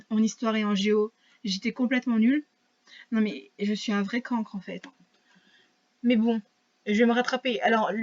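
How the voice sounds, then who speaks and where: A teenage girl talks in a loose, rambling vlog chat, full of fillers and restarts as she laughs at her own shortcomings. Her voice sits a little high. The recording is dull and lo-fi, like a cheap home mic. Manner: rambling and self-mocking, many fillers and restarts. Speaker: vlogger. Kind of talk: casual chat to camera.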